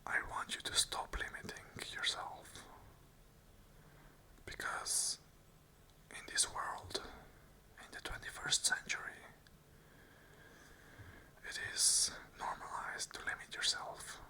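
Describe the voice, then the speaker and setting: An ASMR channel host whispers the entire unscripted monologue, soft and fully unvoiced, in a bright, sharp whisper. She goes slowly with long pauses, earnestly repeating affirmations in short phrases.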